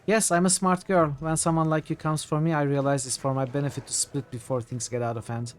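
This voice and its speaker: A man's voice: on the high side, level tone, a little fast, slight background noise, lightly acted. Man voicing a teasing, smug young sorceress. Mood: smug, defiant. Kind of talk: reading video game dialogue aloud. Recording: music behind the voice.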